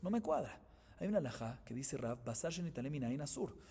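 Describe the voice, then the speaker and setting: A man's voice: medium pitch, animated, fairly quick, dark tone, slightly rough, big-room sound. A man, a rabbi, teaching a Talmud lesson and acting out the dialogue with rhetorical questions to his listeners. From Colombia.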